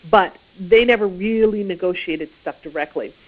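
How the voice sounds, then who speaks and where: A woman's voice: mid-range voice, moderate pace. A woman giving career advice in an informal, conversational teaching talk, often saying "you know". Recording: tinny phone-like sound.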